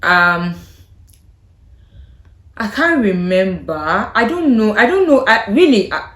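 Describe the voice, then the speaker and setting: Chatting casually to camera for her vlog, a young Yoruba-speaking Nigerian woman with a Nigerian accent sounds thoughtful yet hesitant, often trailing off softly. Her voice is medium-pitched, slow and very animated, and the room she records in is echoey.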